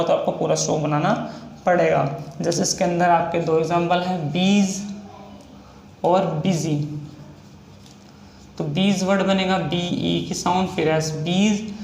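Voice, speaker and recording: A man with a Hindi accent, a shorthand teacher, explaining a lesson and slowly spelling out example words one by one. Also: high-pitched, vocal fry, darkish tone. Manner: slow, repetitive, drawn-out spelling of example words. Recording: echoey room with faint noise.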